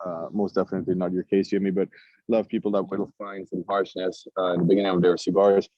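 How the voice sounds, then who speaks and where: In a casual podcast interview, a man from Switzerland who founded a cigar company talks fast in a low voice with flat delivery and a Swiss French accent. He's reflective and repeats words while hunting for the right one; the recording has no echo and its highs are cut off.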